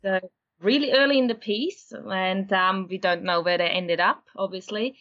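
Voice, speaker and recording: Calm woman from Austria, muffled call audio. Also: medium pitch. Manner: steady, explanatory, unhurried. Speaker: guest, horse breeder. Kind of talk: casual interview.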